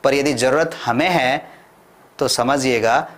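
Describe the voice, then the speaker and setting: Man with indian accent, english teacher, classroom lesson, slow drawn-out drill sentences, questions to the class. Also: mid-range voice, a bit bright. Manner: asks the class and answers himself. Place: classroom with whiteboard.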